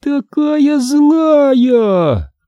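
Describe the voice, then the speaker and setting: A man voicing a vengeful ghost of a fourteen-year-old girl with a slow, eerie drawl, recorded dry and close. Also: extremely high pitch, very animated, dark tone, dry recording, highs cut off, voice pushed up, exaggerated voice. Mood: gloating.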